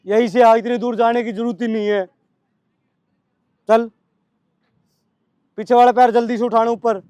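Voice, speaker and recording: Brisk, scolding Delhi coach, high voice. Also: male voice, level tone, a little mellow, smooth, dry recording. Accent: Delhi Hindi. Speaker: physical training coach. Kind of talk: coaching at outdoor practice.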